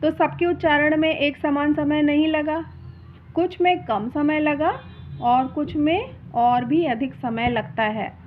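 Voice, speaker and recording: High-voiced woman teaching slowly. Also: phone-quality sound, slight background noise. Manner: repeats key words and stretches sounds to demonstrate them. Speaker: Hindi grammar teacher. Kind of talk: slow explanatory lesson.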